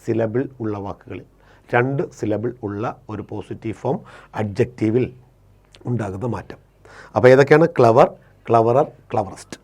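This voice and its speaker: A man's voice: lowish voice, a little mellow, breathy edge. A man teaching an English grammar lesson, explaining each rule step by step, often repeating himself and correcting his own slips. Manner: slows and stretches English rule sentences.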